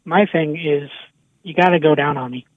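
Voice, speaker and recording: A woman's voice: deep voice, normal speed, dry recording. A woman from Michigan calling in to a radio show, speaking in a blunt, chatty way over the phone. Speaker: caller. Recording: tinny phone line.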